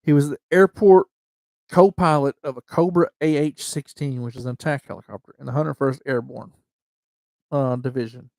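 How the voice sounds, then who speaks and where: A man hosting a casual livestream, reading memorial entries in a halting way with slightly slurred speech, often restarting words and reading dates slowly. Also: medium pitch, fairly even intonation, creaky, darkish tone, dry recording. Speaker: livestream host.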